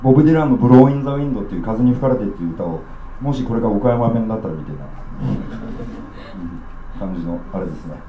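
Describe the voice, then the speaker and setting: A man from Okayama performing his own poetry live, with rough, streetwise declamation. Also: on the low side, expressive, very fast, reverberant, narrow, tinny audio, background noise. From Okayama, Japan. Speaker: spoken-word poet. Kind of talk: live spoken-word poetry reading.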